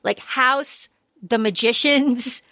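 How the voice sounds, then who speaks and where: A woman with a high, crisp and bright voice hosts a casual fandom podcast. She talks playfully and with emphasis. The recording is dry, with hardly any room sound. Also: slow, no room sound. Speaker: podcast host.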